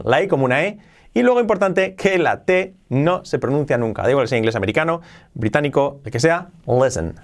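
Unhurried male English teacher, Spanish speaker. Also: mid-range voice. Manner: drills words by repetition, slows down for English examples. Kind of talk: language lesson.

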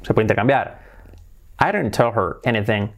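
A man's voice: on the low side, lively intonation. Spanish man teaching English phrases. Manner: mixes Spanish explanations with slow, repeated English examples. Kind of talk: casual video lesson.

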